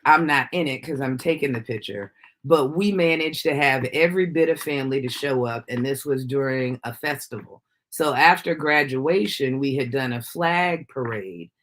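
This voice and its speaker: A woman presenter narrating family photos in an animated, storytelling manner. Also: extremely low pitch. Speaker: workshop presenter, family caregiver.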